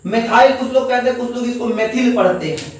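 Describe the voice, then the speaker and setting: Guy teacher w lilt, quite high voice, keeps asking the class then answering, sounds far off from the mic. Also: fast talker, a little mellow. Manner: coaxing, repeats each answer as a question to the class. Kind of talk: classroom chemistry lecture. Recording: echoey room, voice from a distance.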